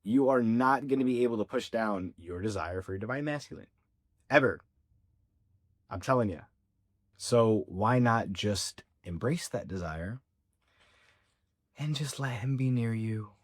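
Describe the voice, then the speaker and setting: A man's voice: fairly low pitch, expressive, a little slow, long pauses. A man working as a spiritual coach, giving a channeled reading to his viewers in an earnest, reassuring way. He talks casually, fills his speech with "like" and "yeah", and repeats his key points. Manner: conversational with fillers like "like" and "yeah". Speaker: ascension coach.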